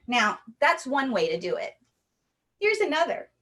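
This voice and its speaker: Very animated but a little slow, a playful woman magician from Hawaii tells a jokey rhyming story to the camera in a bright, high voice. She's performing an online magic show, speaking into the camera mic.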